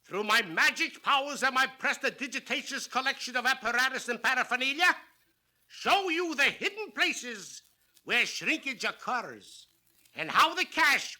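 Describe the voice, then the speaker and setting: An actor playing a grandiose, sly swami fortune-teller in a scripted comic film, speaking in florid, drawn-out magic-orb incantations. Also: male voice, extremely high pitch, sharp tone, heavily acted. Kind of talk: scripted comic monologue in a retail training film.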